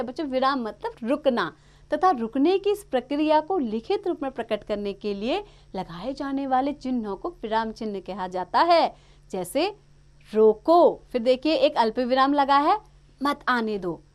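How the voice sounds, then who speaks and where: A woman with a fairly high voice gives a grammar lesson to young children. She explains patiently and step by step, often turning to the class with a question. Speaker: teacher.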